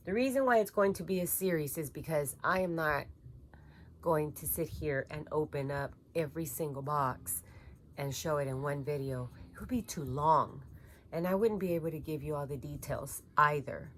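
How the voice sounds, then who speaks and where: A woman's voice: sits low, moderate pace, a little hiss or hum. A woman chatting casually in a home vlog, rambling and gushing over her yarn. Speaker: crochet vlogger.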